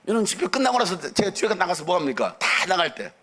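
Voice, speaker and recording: A middle-aged man preaching a lively, theatrical sermon to young people as a pastor. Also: high voice, fast. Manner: animated, theatrical, acts out quotes and jumps around.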